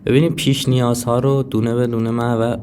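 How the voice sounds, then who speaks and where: A man explains a technical setup step by step in a relaxed, conversational tutorial voice of ordinary pitch. He hesitates often and fills gaps with soft filler sounds while speaking straight to his viewers. A faint background noise sits under the recording. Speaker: crypto tutorial presenter. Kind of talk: casual screen-recorded tutorial.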